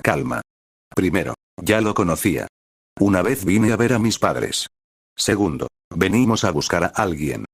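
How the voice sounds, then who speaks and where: A man voicing a calm, direct teenage boy ninja hero in a fan-fiction reading. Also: low-pitched, moderate pace, vocal fry, pauses often, slightly rough, dry recording, studio quality, exaggerated voice. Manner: calm, steady, matter-of-fact.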